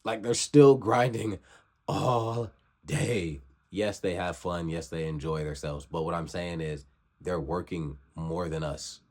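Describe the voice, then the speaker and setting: A man's voice: sits low, fairly even intonation, slow pace, darkish tone. A man in his twenties gives a motivational vlog talk, preachy and repetitive, urging viewers to grind. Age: 20s. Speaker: vlogger.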